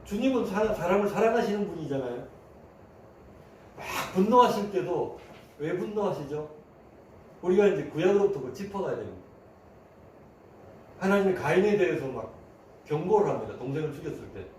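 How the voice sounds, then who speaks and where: A male pastor delivers a conversational sermon, now and then slipping into the voices of the people in his story. His voice is slightly higher and warm, and it sounds far from the mic in a very echoey church hall. Faint room noise sits behind him. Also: expressive, a little fast, long pauses. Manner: conversational preaching, acting out quoted voices. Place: church sanctuary.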